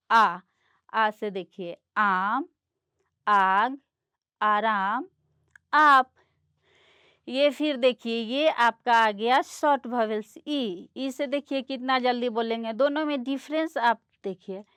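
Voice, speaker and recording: A woman teaching young children, explaining slowly and patiently and mixing words into her lessons. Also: fairly high pitch, a bit bright, smooth, no room sound, clean studio sound. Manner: slow, patient, explaining and pointing things out; mixes English words into Hindi explanations.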